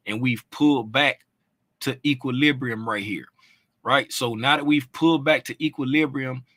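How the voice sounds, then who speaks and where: Explaining trading charts, this male trading educator speaks in a medium-pitched, sharp-toned voice on a dry recording. He's loose and informal, restarting phrases and frequently asking "right?" or "you know what I'm saying?"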